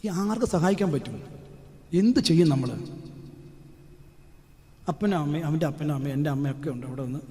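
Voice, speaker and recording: A male priest giving a sermon in a storytelling way, with sudden loud, emphatic outbursts. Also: on the high side, brisk, long pauses. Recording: long hall reverb.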